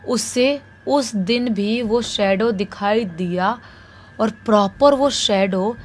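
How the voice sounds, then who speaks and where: A woman casually retelling a true horror story in an animated, conversational way. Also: a little high, a little hiss or hum.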